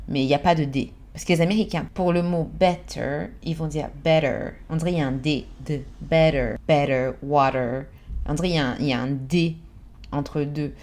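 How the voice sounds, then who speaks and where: A young woman from France chatting casually in a vlog, explaining British English expressions and acting out short examples in English, laughing at her own slips. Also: on the low side.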